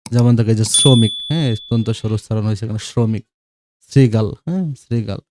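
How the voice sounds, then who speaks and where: A man's voice: fairly low pitch, fast, noisy background. A man teaching a grammar lesson, repeating examples and checking whether students follow. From Bangladesh. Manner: explanatory, repeats examples, checks understanding with asides.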